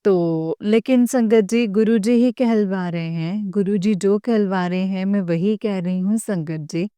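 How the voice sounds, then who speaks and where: Middle-aged woman, devotional speaker, earnest and halting, with a mellow, smooth tone and a dry, close sound. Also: medium pitch, no room sound. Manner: slow, halting, with many pauses and fillers; earnest, keeps addressing the listeners. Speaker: devotee sharing experiences with followers. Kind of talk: devotional talk.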